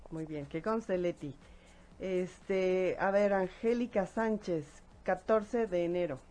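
A woman's voice: fairly low pitch, slow pace, dark tone. A woman hosting a chat show, asking curious questions and reading out viewers' names and birth dates. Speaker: host. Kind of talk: casual chat.

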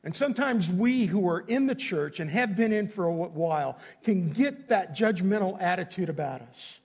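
A male pastor delivers a sermon in a high-pitched voice. He addresses his listeners directly in a folksy, emphatic way, leaning on repeated phrases to drive his point home. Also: expressive, normal speed, vocal fry, darkish tone, husky. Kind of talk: sermon to a congregation.

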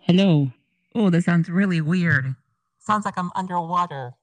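A woman's voice: lowish voice, a little slow. A woman podcast host talking in a rambling, casual way through a mixer effect that makes her voice sound underwater. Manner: rambling, self-interrupting. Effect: underwater-sounding voice filter from a mixer. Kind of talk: casual chat.

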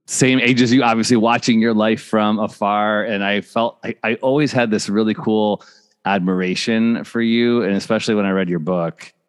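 A man in his forties hosting a casual interview podcast, admiring and halting, with many restarts. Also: lowish voice, steady tone, smooth, long reverb tail. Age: 40s. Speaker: podcast host.

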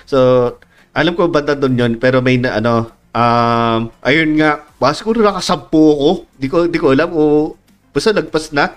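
A man's voice: a little high, moderate pace. A young Filipino man with a Filipino accent, co-hosting a podcast in a loose, joking chat and laughing often. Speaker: podcast co-host. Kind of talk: casual chat among friends.

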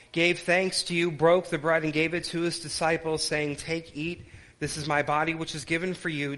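A man speaking as a pastor leading worship, with solemn, measured phrasing in short clauses, in a sermon and liturgical style. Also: a little high, a bit bright, low-quality recording. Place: church worship service.

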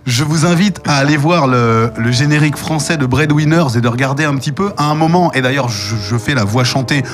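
A man's voice: mid-range voice, brisk. A man, a voice actor and singer, chatting casually in an interview and eagerly telling amusing anecdotes. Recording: music playing behind the voice. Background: music.

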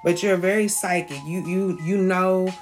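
Soft background music plays as a woman with a fairly low, steady voice delivers a tarot reading at a measured pace. Her style is loose and conversational, with frequent "okay?" check-ins and light laughter.

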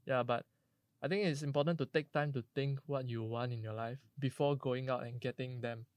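A young Singaporean man talks in Singlish as part of a casual student discussion. His voice sits at an ordinary male pitch, with a dry, close sound. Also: fairly even intonation, fairly quick, no room sound. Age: young adult. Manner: Singlish with local particles. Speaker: university student on a podcast.

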